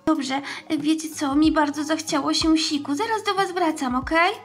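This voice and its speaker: Woman voicing a caring girl, very high voice. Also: normal speed, fairly bright tone. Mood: chatty. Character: caring, cheerful older girl in a doll story. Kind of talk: acted children's doll-game story. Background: background music.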